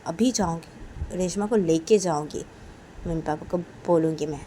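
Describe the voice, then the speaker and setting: A woman voicing a bold, protective young woman who talks loudly and keeps firing questions. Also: fairly low pitch, moderate pace, slight background noise, lightly acted. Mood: insistent. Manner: loud, insistent, repeating questions.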